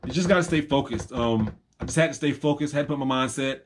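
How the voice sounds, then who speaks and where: A man's voice: medium pitch, quick pace. A young man in a rambling, reflective personal monologue to camera, full of ums and repeated phrases. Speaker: vlogger.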